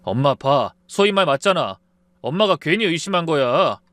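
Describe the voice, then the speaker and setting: A man's voice: on the high side, lively intonation, moderate pace, fairly bright tone, no room sound. A man voicing a defensive grown son in his thirties who snaps at his mother in a raised, irritated voice. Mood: reproachful.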